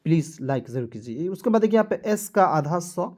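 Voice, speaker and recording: A man's voice: a little high, big pitch swings, brisk, a little mellow. Man breaking words apart letter by letter. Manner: addresses viewers as friends, asks for likes. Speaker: English teacher. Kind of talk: online spoken lesson.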